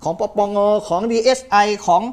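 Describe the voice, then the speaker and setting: A middle-aged man, a police commander, explaining firmly as a guest on a studio talk show. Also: darkish tone. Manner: fast, explanatory, firm.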